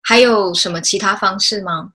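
A woman's voice: medium pitch, normal speed, pushed and bright. A woman from Taiwan with a Taiwanese Mandarin accent, hosting a casual interview as a language teacher. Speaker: podcast host, Mandarin teacher.

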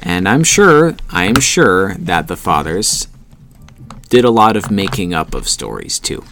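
A middle-aged man hosting a children's story show, speaking to young listeners in an unhurried, guiding bedtime-storytelling way. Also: low voice, sing-song, background noise.

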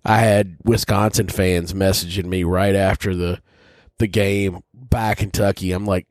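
A man's voice: deep voice, steady tone, measured pace, darkish tone, dry recording, clean studio sound. A man hosting a casual whiskey tasting, talking bluntly and rambling, with frequent swearing. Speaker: whiskey reviewer host.

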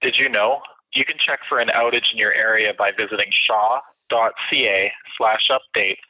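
A man's voice: fairly low pitch, fairly even intonation, moderate pace, no room sound. A man reading a scripted phone menu announcement, recorded over a telephone line. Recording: muffled, tinny telephone line.

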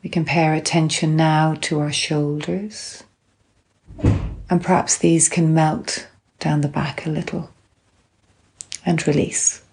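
A woman instructor calmly and gently guiding a grounding exercise, unhurried, with long pauses between phrases. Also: low-pitched. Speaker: guided relaxation instructor. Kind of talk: calm guided grounding exercise.

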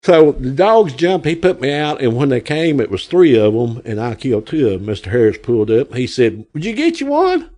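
An Arkansas man in his sixties, a guest on an interview, tells rambling folksy stories in his home accent and acts out the voices of the people he quotes. His mid-range voice has a dark tone and a sing-song lilt, and he moves briskly with few pauses.

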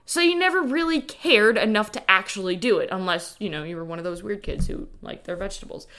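A woman's voice: medium pitch, brisk, fairly bright tone. A woman hosting a podcast as a coach, talking casually and motivationally to listeners in informal, lightly sweary language. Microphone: dedicated podcast microphone.

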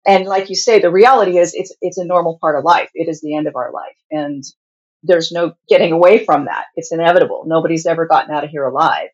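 A woman with a husky voice giving plain-spoken, explanatory answers as a hospice nurse being interviewed. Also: deep voice, fast, dull audio.

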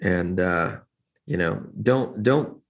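A man's voice: low-pitched, animated, slow pace. A man talking earnestly in a casual interview, rambling with many restarts as a church lighting director.

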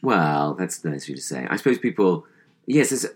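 Deep-voiced posh English man, deadpan. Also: normal speed. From England. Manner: deadpan, self-deprecating. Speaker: guest. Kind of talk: casual interview chat.

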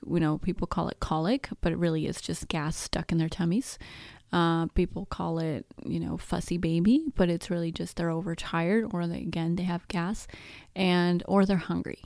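In clean, echo-free studio sound, a woman in her thirties speaks in a fairly low, creaky, slightly mellow voice. Spanish is her first language, and as a podcast host she offers casual, chatty, self-deprecating advice on baby sleep.

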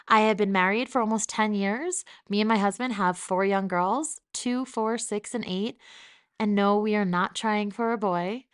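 A woman's voice: a little high, fairly bright tone, smooth. A woman in her thirties from New Jersey, hosting her own podcast in a chatty, upbeat and candid solo monologue. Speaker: podcast host.

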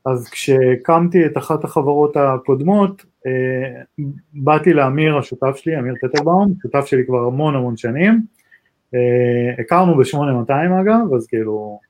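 Podcast co-host: man, Israeli accent, fairly high voice, halting casual explanations with restarts. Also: a little mellow. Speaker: talk co-host, tech entrepreneur.

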